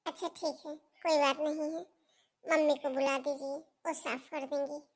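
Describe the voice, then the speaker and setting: A woman's voice: high voice, level tone, normal speed, natural voice. A woman playing a hurt young daughter-in-law who pleads with her in-laws in a family melodrama. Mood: pleading. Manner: pleading, plaintive.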